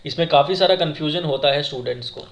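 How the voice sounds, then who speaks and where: A man's voice: fairly high pitch, fast talker, creaky. A man teaching exam vocabulary, asking questions and repeating the answers to his viewers. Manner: asks questions then repeats the answer, addressing viewers as friends. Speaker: exam-prep English teacher. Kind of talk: classroom lesson, explaining words.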